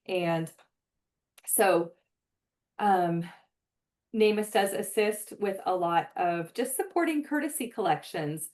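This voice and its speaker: A woman's voice: medium pitch, darkish tone. Woman presenting a webinar, lots of fillers. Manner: conversational, many "um" fillers; earnest, explanatory. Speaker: presenter for a forensic database program.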